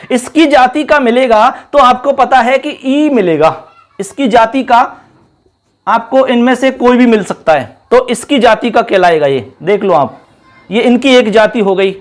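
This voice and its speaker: A man teaching a Sanskrit grammar class at a board. He explains step by step, repeats key terms and calls his viewers friends. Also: very high-pitched.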